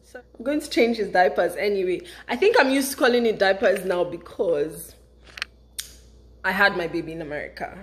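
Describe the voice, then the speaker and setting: Medium in pitch and at normal speed, a young Nigerian woman's voice comes through with slight background noise. She chats animatedly in a casual home vlog, her Nigerian English flavored by British English, hands gesturing, to a camera close on the kitchen counter. The kitchen echoes, with faint ambience.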